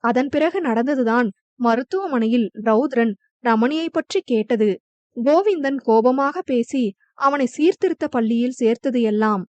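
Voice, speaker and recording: A woman reading a novel aloud as an audiobook narrator, in an even storytelling delivery. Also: on the high side, a little slow, no room sound, highs cut off. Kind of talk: scripted narration.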